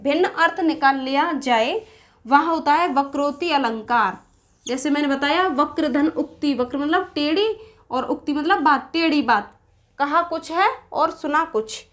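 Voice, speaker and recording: A high-pitched woman teaching an exam-prep grammar lesson at an unhurried, deliberate pace. She keeps asking rhetorical questions and answering them herself. When she quotes verse she slips into a sing-song recitation. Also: fairly bright tone. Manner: explains slowly, asks and answers her own questions. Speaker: Hindi teacher.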